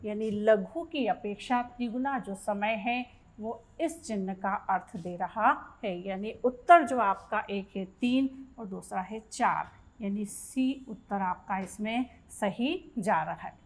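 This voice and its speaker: A woman's voice: mid-range voice, takes it slowly. A woman teaching a Hindi grammar lesson for exam preparation, reading out each question and explaining the answer step by step.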